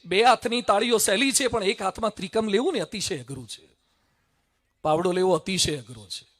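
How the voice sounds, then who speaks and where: Casting: a high, bright-voiced male orator, dramatic, loud then hushed. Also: expressive, brisk. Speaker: public speaker. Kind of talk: stage speech with storytelling. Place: stage at a public event.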